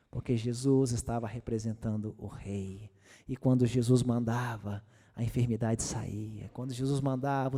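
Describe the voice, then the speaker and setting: A man's voice: mid-range voice, mellow, long reverb tail. A man, a pastor, preaching a sermon and praying with repetitive, impassioned rising invocations. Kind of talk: sermon with fervent prayer.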